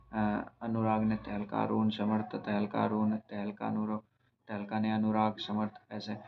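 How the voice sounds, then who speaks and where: Young guy recapping a reality show, super flat monotone, keeps restarting, faint hiss behind. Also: on the low side, vocal fry. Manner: rambling, halting, with frequent restarts and fillers. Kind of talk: casual spoken episode recap. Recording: slightly dull, lo-fi recording with faint noise.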